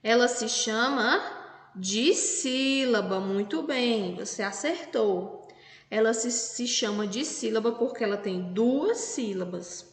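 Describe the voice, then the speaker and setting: A Brazilian Portuguese woman teaching young children a lesson, talking slowly and patiently and spelling words out syllable by syllable. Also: a little high. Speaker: primary school teacher. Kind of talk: recorded remote class lesson. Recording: echoey room with long reverb.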